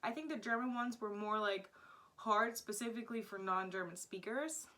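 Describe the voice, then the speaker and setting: Speaking at a normal speed with a sharp, mid-range tone, a young Floridian woman talks casually to her camera as a language vlogger. She's giggly and laughs a lot, and "like" keeps popping up as filler.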